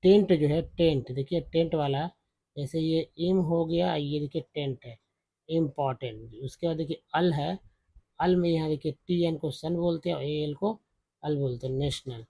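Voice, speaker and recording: A man gives a spelling and pronunciation lesson, patient and repetitive as he goes over each sound. His voice sits a little high but has a mellow, soft tone. The recording is dry and close, with no room sound. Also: normal speed, slightly rough, dry recording. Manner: patient, repeats each sound several times. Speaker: English teacher.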